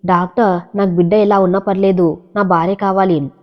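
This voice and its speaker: A woman's voice: medium pitch, level tone, moderate pace, dull audio, natural voice. Woman reading as an earnest young husband. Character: loving young husband, a builder. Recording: long echoey reverb.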